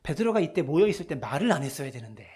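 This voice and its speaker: Male pastor giving a sunday sermon, kinda husky, goes quiet then loud. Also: a little high, sing-song, racing. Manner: swings between soft hushed lines and loud emphatic ones; acts out voices in retelling scenes. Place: church.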